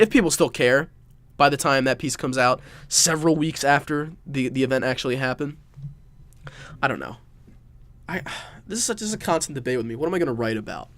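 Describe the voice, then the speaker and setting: Young man, nasal, stuffed-up, rambling sports podcast host, self-mocking, mid pitch. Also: a bit bright, no echo. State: stuffed-up nose, congested. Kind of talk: casual solo sports podcast.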